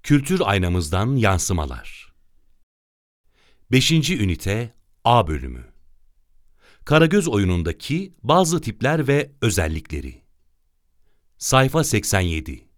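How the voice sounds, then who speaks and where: Slow, lively-pitched man reading a lesson. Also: dry recording, studio quality. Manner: measured, list-like reading with pauses. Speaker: teacher reading a textbook. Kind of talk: reading a textbook lesson aloud.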